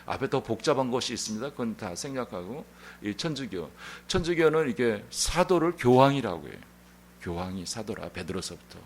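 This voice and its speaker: A male pastor preaching a Sunday sermon in an animated, conversational storytelling manner. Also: medium pitch, normal speed, slight background noise. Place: church sanctuary.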